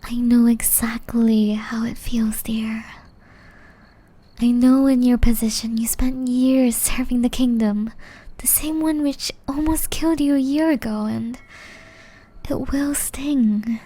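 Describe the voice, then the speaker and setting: In an intimate ASMR roleplay, a woman plays a caring, wistful, ageless witch exiled to the forest, pleading slowly, tenderly and earnestly. Her voice is fairly high but soft, dark-toned and breathy, often dropping to a whisper. The performance is heavily acted.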